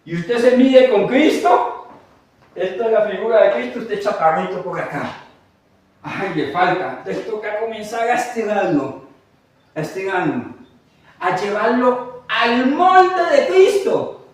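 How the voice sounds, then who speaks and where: A man preaching a sermon as pastor, animated, with humorous asides to his congregation. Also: high-pitched, unhurried. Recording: echoey hall, mic at a distance.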